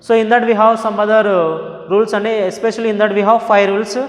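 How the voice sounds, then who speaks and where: A male teacher with a Telugu accent, giving a slow classroom lesson in English and Telugu, repeating each word aloud. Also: sits high, level tone. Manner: slow, drawn-out, repeating words to model stress. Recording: echoey hall with long reverb.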